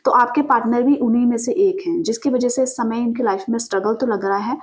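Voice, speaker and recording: A woman's voice: a little high, a little fast, a little mellow. A woman giving a tarot reading straight to the listener, explaining at length, asking rhetorical questions and adding frequent fillers. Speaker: tarot reader. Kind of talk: direct-to-camera tarot reading.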